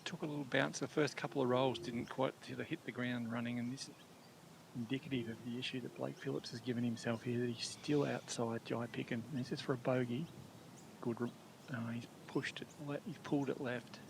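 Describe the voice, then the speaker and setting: A man's voice: medium pitch, fairly even intonation, fairly quick, vocal fry, noisy background. A man giving live, conversational golf commentary in blunt, colourful turns of phrase.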